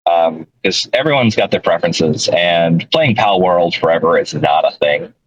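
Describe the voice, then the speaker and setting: A man's voice: deep voice, normal speed, no room sound. A man co-hosting a casual podcast over a call from his moving car, rambling and correcting himself as he goes. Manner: rambling, self-correcting, chuckles often. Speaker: podcast co-host. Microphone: voice call from a phone. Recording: dull lo-fi call audio.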